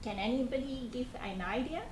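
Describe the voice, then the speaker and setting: A programme coordinator in her thirties with a Malaysian accent gives an informal presentation to a group of students. Her voice is a little high and brisk, and she keeps things conversational, asking the students questions and often restarting sentences with fillers. The room echoes, with faint background noise.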